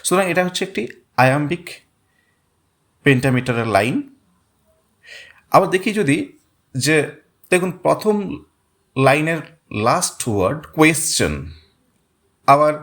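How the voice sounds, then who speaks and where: A man's voice: on the high side, fairly bright tone. A man teaching a literature lesson, explaining step by step and repeating words to show where the stress falls. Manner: reads English quotations very slowly. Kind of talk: Bengali-language literature lesson.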